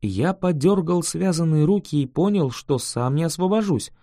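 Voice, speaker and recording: A man reading an adventure audiobook in the first person with wry, expressive storytelling. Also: a little high, moderate pace, dry recording, clean studio sound. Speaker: audiobook reader.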